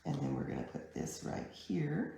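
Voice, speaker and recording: A woman with a croaky, hoarse voice from a chest cold, giving a chatty, step-by-step live online card-making class at her craft table. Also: rumbling low, huge pitch swings, mellow, slight background noise. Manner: chatty, unhurried step-by-step explaining. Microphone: camera mic at a craft table. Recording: echoey room.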